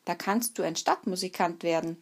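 A woman's voice: on the low side, moderate pace. A woman voicing an old, kind male donkey who leads and encourages the other animals, in a spoken fairy tale. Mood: encouraging.

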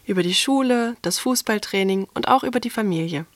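A woman reading a children's story aloud in a calm, even way. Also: mid-range voice, brisk, no echo.

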